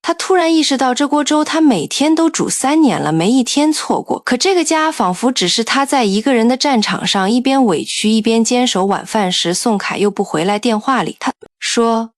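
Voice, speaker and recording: Dry, steady woman storyteller. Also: fairly high pitch, moderate pace, few pauses, no echo. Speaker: narrator. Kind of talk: scripted audiobook narration.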